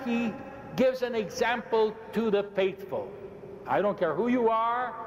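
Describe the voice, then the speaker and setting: An older Irish bishop speaks in a public debate on a large indoor arena stage, preaching emphatically to a big crowd with repeated, building phrases while gesturing and moving around the podium. His voice is very high, and because he often steps away from the podium mic, the echoey arena's long reverb and slight background noise come through.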